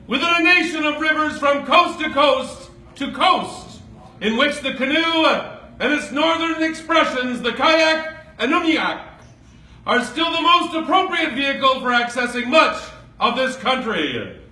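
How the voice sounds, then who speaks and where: Man, town crier proclamation, bright forceful voice, declaimed, ceremonial, echoey, distant from mic. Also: very high-pitched, expressive. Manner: formal, ceremonial, projected declamation with deliberate phrasing.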